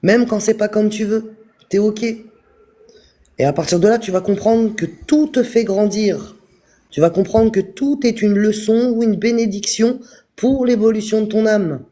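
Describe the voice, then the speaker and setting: A man giving a calm, repetitive spiritual talk on a live stream, speaking straight to his viewers. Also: sits high, measured pace. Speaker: spiritual teacher.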